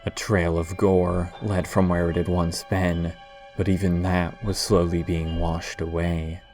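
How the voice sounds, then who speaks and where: Male horror narrator, unhurried and deliberate, slightly low pitch. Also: flat delivery, a little mellow. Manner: measured, deliberate storytelling. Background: faint background music.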